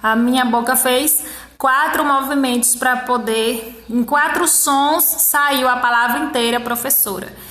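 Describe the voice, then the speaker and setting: A woman teacher with a Brazilian Portuguese accent, explaining a workbook lesson to young children and counting syllables slowly one by one. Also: sits high, fairly even intonation, fairly bright tone, reverberant. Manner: slow, syllable-by-syllable counting, encouraging. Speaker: primary school teacher.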